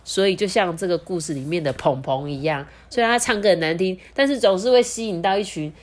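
Expressive and talking straight to her young audience, a mother hosting a kids' storytelling podcast chats and tells stories at a quick pace. She has a lowish voice, a Taiwanese Mandarin accent, and slightly slurred, non-standard pronunciation.

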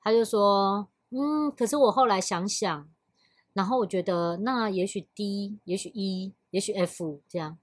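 A woman with a Taiwanese Mandarin accent co-hosting a podcast. She tells workplace stories in a relaxed chat and acts out both sides of the conversations she retells. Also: mid-range voice, measured pace, no echo, clean studio sound. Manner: storytelling, acts out both sides of quoted dialogue. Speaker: podcast co-host. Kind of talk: casual chat.

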